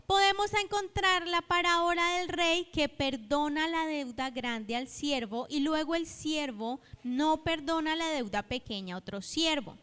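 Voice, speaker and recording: A woman's voice: high voice, unhurried, few pauses, a bit bright. A woman preacher giving a sermon, telling a parable and acting out its dialogue, and calling on the congregation to repeat after her. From Colombia. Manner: storytelling, acts out the dialogue of the parable. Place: church hall. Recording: hall reverb in a church.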